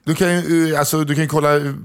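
A man chatting casually on a podcast, animated and full of hesitant fillers. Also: a little high, clean tone. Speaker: voice-over artist and podcast co-host. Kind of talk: casual chat.

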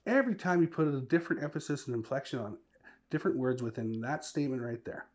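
A man's voice: mid-range voice, lively intonation, quick pace, darkish tone. A man hosting a casual podcast chat, thinking aloud and laughing easily as he talks. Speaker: podcast host.

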